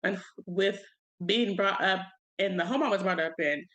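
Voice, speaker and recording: A young woman co-hosting a podcast, talking candidly in relaxed slangy chat and laughing often. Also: medium pitch, normal speed, rough recording. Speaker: podcast co-host. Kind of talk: casual chat.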